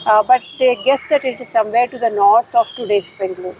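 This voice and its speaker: A middle-aged woman from Bangalore with an Indian English accent, a historian guest talking in an interview, pausing often with fillers. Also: a little high, darkish tone, a little hiss or hum, rough recording. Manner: thoughtful, many fillers and pauses. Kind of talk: conversational interview.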